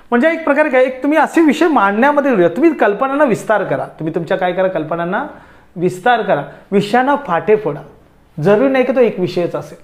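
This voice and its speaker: A man teaching students how to write essays, talking to them directly and asking them rhetorical questions. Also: sits high. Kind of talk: essay-writing lesson.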